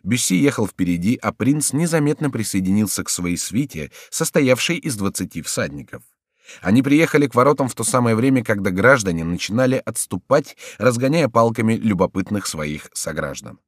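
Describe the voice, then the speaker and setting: Male audiobook reader, animated delivery, close dry studio sound. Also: lowish voice, brisk, no room sound. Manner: voices the characters in raised, shouting tones. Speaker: audiobook narrator. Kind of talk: audiobook reading with acted dialogue.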